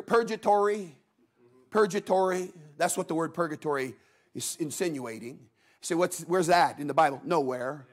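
Casting note: male preacher, high voice, folksy storyteller, acts out voices in the stories he tells. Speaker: guest preacher. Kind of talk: sermon. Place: church.

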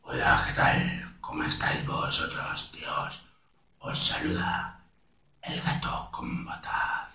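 A man doing an impression of Puss in Boots, a smooth, romantic male cat with a put-on Spanish accent, speaking raspy, slow and half-whispered. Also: level tone, exaggerated voice. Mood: smooth, hushed. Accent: Spain Spanish, put on. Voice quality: raspy, low and hushed. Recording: roomy echo, distant mic.

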